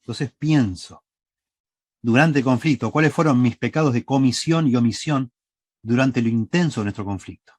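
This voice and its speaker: With a Rioplatense accent and a medium-pitched voice, a man delivers a step-by-step teaching sermon in church a little fast, peppering it with "¿sí?" to engage the congregation. The sound is clean studio audio with no room sound.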